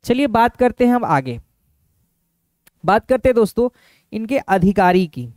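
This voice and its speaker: A male teacher running an exam-prep video lesson with a smooth, clear voice. He keeps circling back to each point and fires rhetorical questions at his viewers. The sound is dry and close. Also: sits high, big pitch swings, measured pace, a little mellow, dry recording. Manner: repeats points and asks the class rhetorical questions; calls viewers friends.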